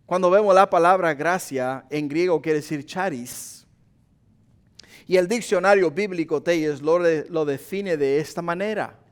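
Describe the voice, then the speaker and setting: A male pastor preaching a sermon to his congregation, whose voice climbs and grows louder on repeated pleas before dropping back low and quiet. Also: a little slow, clear, resonant tone. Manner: impassioned preaching, rising in pitch and volume on repeated pleas; addresses the congregation as brothers and sisters.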